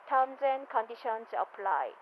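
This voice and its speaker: A woman's voice: fairly high pitch, sing-song, measured pace. A woman making a formal, scripted cabin announcement as a flight attendant. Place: aircraft cabin, over the PA. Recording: muffled cabin PA, noisy aircraft cabin. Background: cabin noise.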